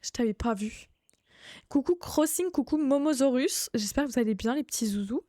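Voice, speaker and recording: A young woman with a high, bright-sitting voice chats her way through a horror game on a live stream. She greets her viewers one by one and swears casually. Her voice is recorded close and dry on a desk mic. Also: lively intonation, moderate pace, no room sound. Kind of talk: live gaming stream commentary.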